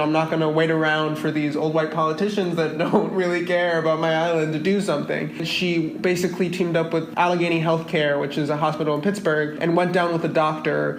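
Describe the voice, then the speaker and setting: A young man in his twenties, a guest in a remote interview, telling his story in an earnest, steady way. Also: on the high side, reverberant, slight background noise. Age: 20s.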